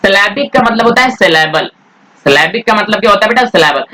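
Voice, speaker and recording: A man teaching English grammar, speaking Hindi mixed with English words in an Indian accent. He asks questions and then answers them himself, and he draws out the English words slowly. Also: high voice, animated, sharp tone, poor audio. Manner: addresses students as "beta", asks and answers his own questions. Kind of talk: classroom grammar lesson.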